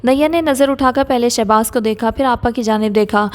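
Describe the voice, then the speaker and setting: A woman narrating an audio novel in a steady, even storytelling manner. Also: a little high, long reverb tail.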